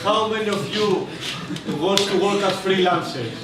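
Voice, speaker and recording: A man from Greece, a career coach speaking to a group in a halting way, often restarting his phrases. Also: high-pitched, over a noisy crowd. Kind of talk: workshop talk to a group. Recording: very echoey room from a distance, noise behind.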